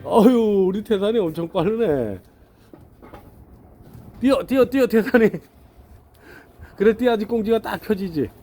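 High, lively man chatting at his dogs. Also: measured pace, pauses often, soft background music. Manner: chatty, laughs often, keeps scolding and calling to the dogs. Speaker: dog owner filming his dogs. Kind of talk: casual running commentary to camera.

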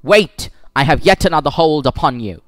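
A man reading the lines of a clever young woman lawyer in disguise, pleading in a firm, measured way. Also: a little high, expressive, a bit bright, no echo. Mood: stern.

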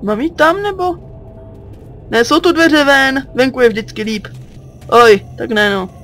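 Teen male let's-player from Czechia, very high and bright, jumpy, curses at monsters. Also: a little hiss or hum. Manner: jumpy, yelps and curses at enemies. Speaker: gaming channel host. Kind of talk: let's play commentary.

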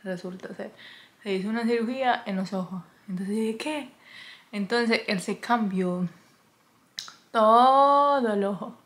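A woman's voice: unhurried, a bit bright. A woman vlogger casually telling a story to her camera indoors, chatty and full of fillers. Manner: chatty, full of fillers, exclaims in high yelps. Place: indoors, wrapped in a blanket in a cold room.

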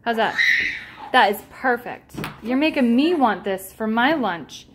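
A woman's voice: on the high side, expressive, measured pace. Playful mom cooing at her kids. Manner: cooing, playful baby talk with her children. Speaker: vlogger and mother of three. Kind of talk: casual home vlog. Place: family home. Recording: home video with background noise.

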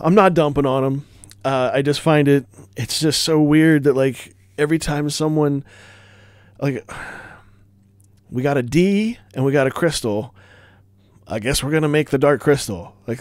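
A man's voice: medium pitch, darkish tone, clear, resonant tone, no echo, studio quality. A man giving a casual board game review, rambling with wry asides and breaking off mid-thought.

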